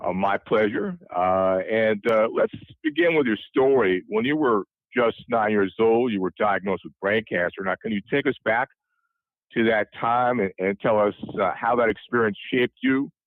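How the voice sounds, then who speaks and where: Low-voiced man hosting an interview. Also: animated, no echo, narrow, tinny audio. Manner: warm, halting, with many fillers. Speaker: interview host. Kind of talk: podcast interview.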